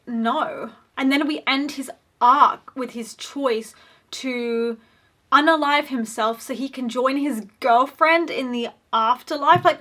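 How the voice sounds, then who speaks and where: A woman's voice: high-pitched, fairly bright tone. A young woman giving an opinionated, casual commentary on a TV series, talking in a chatty way with lots of "like" fillers. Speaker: video essayist.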